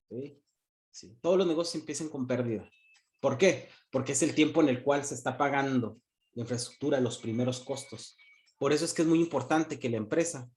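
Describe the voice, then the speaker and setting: A man, a university economics teacher giving an online class, joking and answering his own questions. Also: medium pitch. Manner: joking, asks questions and answers them himself.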